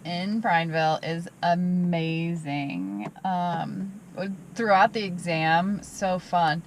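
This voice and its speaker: A woman's voice: on the low side, fairly even intonation, slow pace, a little hiss or hum, poor audio. Chatty upbeat woman vlogger. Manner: chatty, upbeat, laughs easily. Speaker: van life vlogger. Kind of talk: casual vlog chat. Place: campsite by a van, outdoors.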